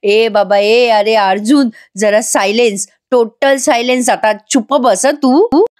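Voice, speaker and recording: A woman's voice: fairly high pitch, a little slow, darkish tone, no room sound, clean studio sound, close to an everyday voice. A woman voicing a young man who is an exasperated friend and scolds firmly.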